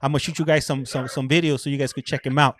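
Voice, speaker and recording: A Mexican American man from Southern California is a guest on a prison video call, chatting casually, laughing often, stumbling over repeated words and mixing Spanish into his English. His medium-pitched, fairly bright voice races along in a steady tone.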